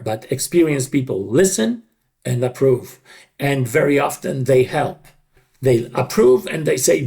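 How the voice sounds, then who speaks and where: Slightly mellow and creaky in the mid range, this man's voice belongs to a middle-aged dubbing creative director being interviewed. He explains things emphatically and chattily, often circling back to short repeated phrases.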